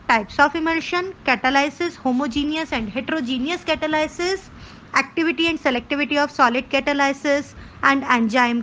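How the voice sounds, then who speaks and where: A woman's voice: sits high, fairly bright tone, slight background noise, rough recording. A woman teacher with an Indian English accent, going through chemistry topics one by one, mixing Hindi and English and speaking directly to students. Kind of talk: syllabus walkthrough lesson.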